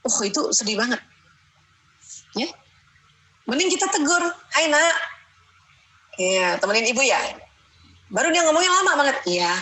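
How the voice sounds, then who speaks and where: A middle-aged woman with an Indonesian accent lectures on parenting in a religious talk, chatty and lively, often acting out what mothers say. Her voice is bright and somewhat high. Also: moderate pace, pauses often, slight background noise, low-quality recording. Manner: chatty, acts out mothers' voices, frequent "ya" checks.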